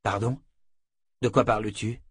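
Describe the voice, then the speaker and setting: A man's voice: on the low side, steady tone, a little slow, fairly bright tone, slightly rough, dry recording. A man reading an audiobook, voicing a desperate young male hero who pleads in a raised voice. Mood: bewildered.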